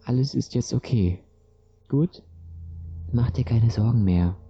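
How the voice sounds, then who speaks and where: A man voicing a gentle, caring mother in a storybook reading, speaking softly and soothingly, on a dull lo-fi recording. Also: medium pitch, expressive, normal speed, soft background music, voice pushed up, natural voice.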